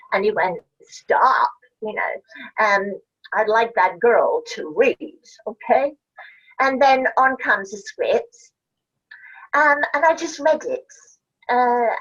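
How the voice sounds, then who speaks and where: A woman's voice: a little high, highs cut off. An older woman from Scotland, an actress telling rambling, laughing anecdotes as an interview guest. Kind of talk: casual chat.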